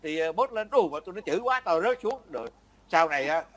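A man's voice: fairly high pitch, expressive, fast talker. An older man from Vietnam, chatting casually as an interviewee, rambling and breaking off with frequent laughs. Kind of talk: casual chat.

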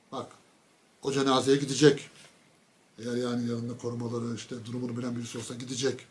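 A man's voice: mid-range voice, slight background noise. A man giving a casual political commentary monologue, mocking and sarcastic, talking straight to his viewers with emphatic lists.

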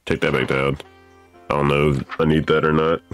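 A young man with a deep voice plays through a horror game, reading the on-screen steps aloud in an offhand way. He swears freely and laughs nervously, with faint music in the background. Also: little pitch movement, moderate pace. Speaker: gamer streaming a horror game. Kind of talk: casual let's play commentary.

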